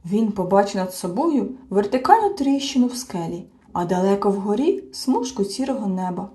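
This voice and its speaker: A woman's voice: mid-range voice, moderate pace. A woman reading a children's fairy tale as an audiobook narrator, with faint music behind. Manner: expressive, animated reading. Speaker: storyteller.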